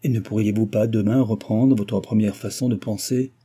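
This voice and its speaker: A man's voice: fairly low pitch, steady tone, moderate pace, mellow, breathy edge. A man voicing a proud young woman who answers with firm indignation and reproach. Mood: reproachful.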